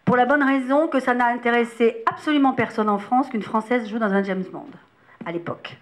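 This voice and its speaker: Woman guest, lively storyteller, slightly high, acts out quotes. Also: brisk. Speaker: interview guest, actress. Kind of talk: storytelling interview talk.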